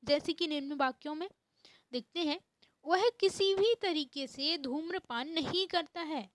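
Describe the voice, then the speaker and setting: A woman teaching an English grammar lesson, reading each English sentence slowly and repeating it. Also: high-pitched, no echo, low-quality recording.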